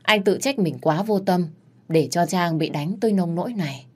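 Low-voiced woman narrating a story. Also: normal speed.

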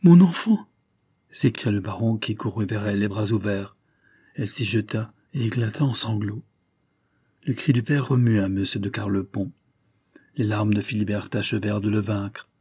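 A man narrating a classic novel in a measured, dramatic reading. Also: on the low side, little pitch movement, darkish tone, breathy edge. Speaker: audiobook narrator.

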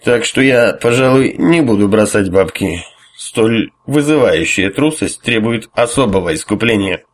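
A man voicing a drunk, arrogant high priest who drawls and hesitates. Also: expressive, moderate pace. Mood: blustering. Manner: slurred, drawling, with hiccups and hesitations.

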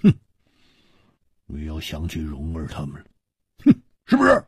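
A hearty, hard-drinking swordsman, as a male storyteller puts him on, gruff and boisterous, with grunts and heavy sighs. His husky voice leaps from low to high as he talks. The recording is dry and close. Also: huge pitch swings, unhurried, darkish tone, no room sound, heavily acted. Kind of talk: storytelling dialogue.

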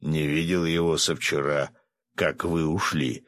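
A man reading an audiobook, voicing a big bald thug who speaks curtly and deadpan. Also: rumbling low, measured pace, no room sound.

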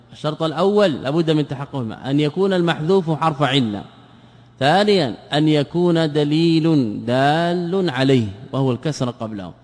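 A male scholar teaching grammar in a classroom lesson, repeating words and quizzing his students with questions. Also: on the high side. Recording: long reverb of a large hall.

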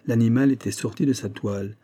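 Guy putting on a pushy investigator, dark husky voice but pitched up and pressing hard. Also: brisk, natural voice. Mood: triumphant. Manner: emphatic, probing, raised and tense. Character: sharp, insistent male investigator unveiling a crime.

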